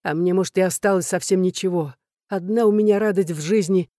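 A woman's voice: fairly low pitch, fairly quick, mellow, no room sound, studio quality, lightly acted. A woman voicing a jealous older man who scolds and pleads tearfully, in a storybook reading. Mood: tearful, pleading. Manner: abusive, wheedling, tearful lament.

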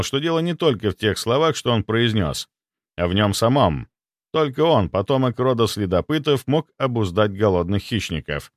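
A man reading an audiobook as narrator in an expressive storytelling manner. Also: mid-range voice, dry recording, clean studio sound.

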